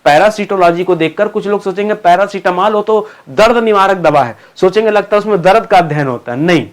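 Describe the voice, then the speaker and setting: High-voiced man drilling exam terms. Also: brisk. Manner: repetitive, drills terms, asks students questions. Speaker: teacher. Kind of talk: exam-prep lecture.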